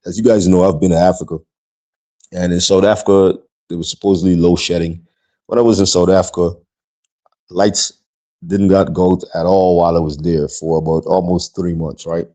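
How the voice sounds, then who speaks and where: A man from Guyana hosts a solo podcast in a loose, conversational ramble. His voice sits very low and sounds warm and relaxed. He fills his talk with "um", "you know" and "right?" as he checks in with his viewers. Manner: rambling, conversational, frequent fillers and asides to viewers. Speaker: podcast host. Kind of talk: casual solo podcast monologue.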